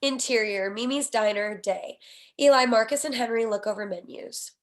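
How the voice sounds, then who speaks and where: A woman reading a screenplay's stage directions and scene headings aloud at a table read, brisk and even. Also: fairly high pitch.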